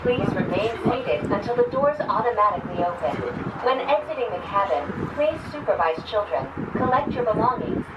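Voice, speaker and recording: A woman announcer giving a formal, polite safety announcement, heard as a recording over a cabin loudspeaker. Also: mid-range voice, lively intonation. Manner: polite and crisply measured. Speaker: ride announcer. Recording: echoey, distant, muffled loudspeaker with loud background noise.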